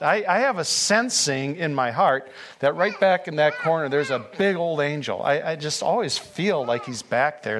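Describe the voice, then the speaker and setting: A high-pitched man preaching in a church sanctuary. He reads scripture and then talks earnestly to his congregation, pressing his points with growing fervor. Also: fairly bright tone, slight background noise. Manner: earnest, rising to fervent emphasis. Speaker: pastor. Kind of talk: sermon.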